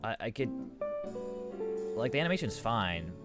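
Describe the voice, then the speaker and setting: A man's voice: fairly low pitch, sing-song, normal speed, over loud music. A man rambling casually on a live stream, restarting his sentences and reading chat aloud into a desk microphone.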